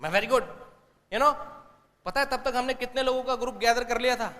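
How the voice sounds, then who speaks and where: High, bright-voiced Indian man on stage. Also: moderate pace, long reverb tail. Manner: animated storytelling, mixing Hindi and English. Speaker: business seminar speaker. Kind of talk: motivational stage talk.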